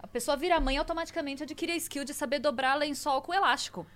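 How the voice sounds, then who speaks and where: A woman talks fast in a casual podcast chat. Her voice sits high, and her tone is teasing as she jumps in with stories. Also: crowd noise. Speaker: podcast guest.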